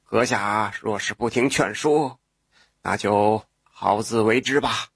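A calm old weasel spirit in the guise of a kindly old man, put on by a male storyteller. He speaks low and slow with grave, old-fashioned courtesy, in a husky voice on a dry, close recording. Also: dry recording, exaggerated voice. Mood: solemn. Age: older. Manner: slow, measured, archaic courteous speech.

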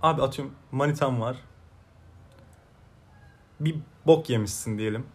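A man's voice: mid-range voice, moderate pace, slightly rough. A young man chatting casually as a co-host, laughing often and acting out the people he quotes. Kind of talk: casual chat.

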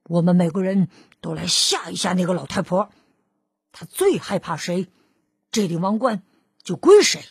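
A woman doing a husky, scheming storybook lion. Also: fairly low pitch, lively intonation, moderate pace, pauses often, dry recording, studio quality, pitched below the performer's own voice, exaggerated voice. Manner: hushed, plotting, then bragging. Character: proud scheming male lion. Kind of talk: storybook read-aloud.

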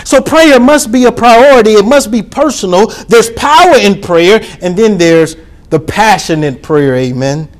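A pastor preaching a sermon to his congregation, calling for responses and rising to shouts. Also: high-pitched, animated, a little slow.

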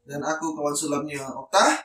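A man's voice: a little high, lively intonation, normal speed, bright, forceful tone. A man, co-hosting a podcast in a playful, teasing manner. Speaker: podcast co-host. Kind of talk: casual podcast chat. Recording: roomy, distant mic, faint hiss.

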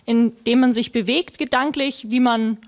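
A woman in a seminar audience answering the speaker's question with a measured, thoughtful explanation. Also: fairly high pitch, steady tone. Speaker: seminar participant. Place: seminar room among the audience.

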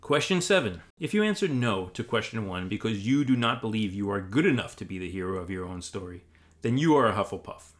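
Lively, wry American male podcast narrator. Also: on the low side, fairly quick. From United States. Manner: wry, tongue-in-cheek. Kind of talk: scripted comedic narration.

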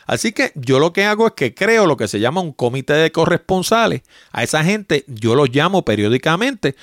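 Animated Puerto Rican man, podcast host. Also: on the high side, no echo, studio quality. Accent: Puerto Rican Spanish. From Puerto Rico. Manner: emphatic, explanatory, conversational. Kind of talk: casual solo podcast talk.

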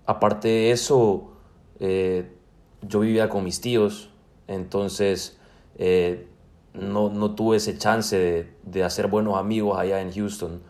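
A young man in his twenties speaks with a Salvadoran Spanish accent, his voice sitting fairly low. He answers interview questions casually, pausing often on fillers and restarting his phrases. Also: fairly even intonation, a little mellow. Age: 20s. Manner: hesitant, many fillers and restarts. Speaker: student guest.

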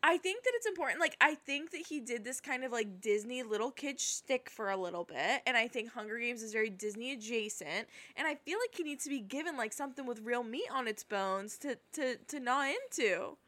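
A woman's voice: a little high, animated, brisk, few pauses, sharp tone. A young woman co-hosting a podcast, chatting casually and gushing, with lots of "like" fillers. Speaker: podcast co-host. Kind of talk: casual chat.

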